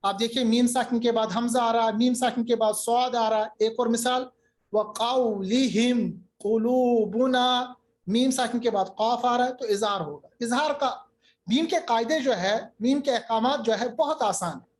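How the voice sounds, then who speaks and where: A male teacher giving a recitation lesson, explaining each rule patiently and step by step, with slow chanted examples. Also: extremely high pitch.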